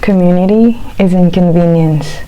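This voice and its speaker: A woman chewing while talking, in a casual, reflective eat-with-me chat, speaking haltingly in short phrases. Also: lowish voice, dark tone, muffled recording, a little hiss or hum. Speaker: vlogger.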